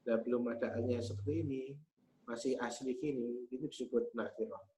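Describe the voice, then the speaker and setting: A man, teaching Arabic grammar patiently and methodically, pausing often on hesitation sounds. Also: mid-range voice, fairly even intonation, warm tone. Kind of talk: explaining grammar in a class. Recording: slightly muffled with faint hum.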